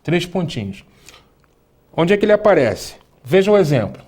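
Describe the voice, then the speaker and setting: A man, teaching an online lesson and speaking directly to the student, slowly spelling out and repeating words. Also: a little high, sing-song, darkish tone, breathy edge. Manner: didactic, addresses the student directly, slow careful spelling-out of words. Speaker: Hebrew teacher.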